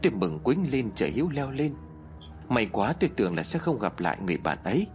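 A man narrating a horror story, voicing the shouts and pleas of its characters in a dramatic storytelling manner. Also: big pitch swings, fairly quick, soft background music. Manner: acts out the characters' shouts and pleas with raised pitch.

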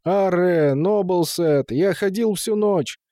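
A man's voice: high-pitched, slow, warm tone, no room sound, clean studio sound, pitched above the performer's own voice. A man reading an audiobook, voicing a flustered male night watchman who pleads and grovels. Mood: frantic pleading. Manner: imploring, flustered.

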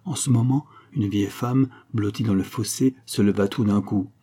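A man narrating a historical novel in an audiobook reading, in a measured, dramatic way. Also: lowish voice, dark tone.

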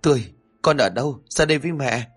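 A man voicing a frightened young wife in a spoken ghost story, speaking in a raised, hurried voice. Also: fairly low pitch, animated, slightly rough, soft background music. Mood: anxious.

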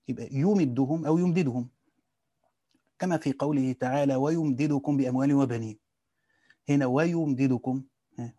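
A man with an Egyptian accent teaching a relaxed study lesson, asking himself questions and answering them, mixing colloquial and classical speech. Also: mid-range voice, no echo, clean studio sound. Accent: Egyptian Arabic. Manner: mixes dialect with classical Arabic, rephrasing as he goes. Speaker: teacher reading and explaining a classical Quran commentary.

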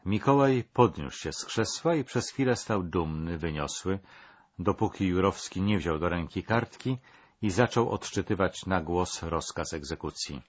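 A man narrating a scripted documentary in a measured, dramatic storytelling manner. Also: sits low, lively intonation, breathy edge, highs cut off.

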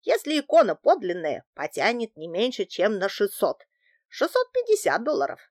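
A woman reader voicing a small, impatient old man with a hoarse, cracked, high voice and a gruff, curt way of talking. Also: huge pitch swings, normal speed, no room sound, studio quality. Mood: matter-of-fact.

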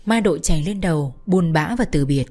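Woman narrating an audiobook, low voice. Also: expressive, brisk, a little mellow.

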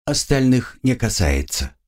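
A man reading the lines of a calm, fatherly bearded priest, a former soldier, in an audiobook. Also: mid-range voice, a little slow, pitched above the performer's own voice.

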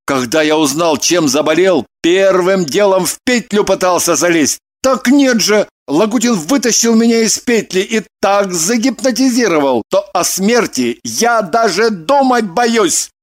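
Man playing a young male killer, bitter, confessional, audiobook dialogue, higher-pitched. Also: lively intonation, a little slow. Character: troubled 27-year-old male killer, confessing.

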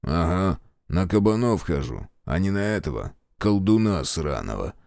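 A man doing a gruff, coarse village hunter. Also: sits low, sing-song, moderate pace, a little mellow, no echo, pitched below the performer's own voice, heavily acted. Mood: sardonic. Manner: sardonic, coarse muttering. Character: sullen male village boar hunter. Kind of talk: audiobook character voice.

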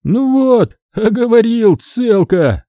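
A man's voice: high-pitched, sing-song, moderate pace, dry recording, voice pushed up. A man voicing a brash young male thug who mocks and threatens his victim. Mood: gloating. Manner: mocking, coarse, loud.

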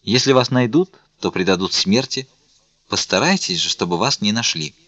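A man voicing a polite young officer in a storybook, formal and courteous, kinda low and bright. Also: animated, normal speed, dry recording, lo-fi sound.

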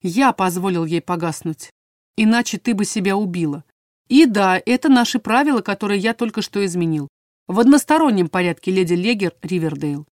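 A man's voice: sits high, expressive, fairly quick, no room sound. A woman voicing a stern, domineering male king who barks commands and scolds, in a dry, close recording. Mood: firm.

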